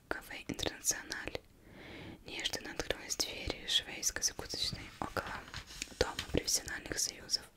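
Young woman whispering right in your ear. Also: sharp tone. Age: young adult. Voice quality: unvoiced, breathy whisper. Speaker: ASMR reader. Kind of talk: ASMR whispered reading of a novel. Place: indoors, plain studio backdrop. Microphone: close microphone.

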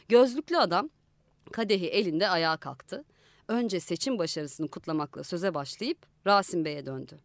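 Woman narrating a story, dry studio sound. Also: no room sound. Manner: voices the characters with shifts in pitch and loudness. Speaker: audiobook narrator. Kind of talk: scripted literary narration. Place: radio studio.

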